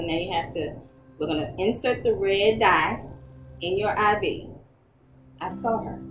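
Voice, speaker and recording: Woman telling a story over loud music. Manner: acts out quoted dialogue with big pitch jumps. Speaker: interviewee sharing a hospital story. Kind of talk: casual storytelling. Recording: roomy echo with loud music underneath. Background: loud background music.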